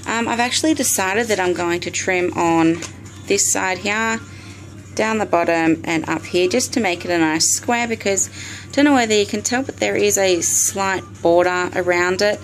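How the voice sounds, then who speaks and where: A woman's voice: mid-range voice, moderate pace, faint music behind. An Australian woman filmed on a phone video in her bedroom at night, chatting through a step-by-step DIY craft tutorial with frequent ums. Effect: recorded on a phone video. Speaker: vlogger. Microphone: phone camera.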